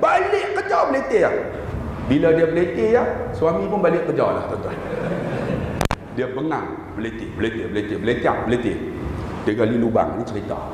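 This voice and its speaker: A man giving a comic sermon in a surau prayer hall, telling jokes and stories in an animated way. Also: medium pitch, brisk. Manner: animated, joking storyteller. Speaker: religious preacher. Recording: echoey hall with PA noise.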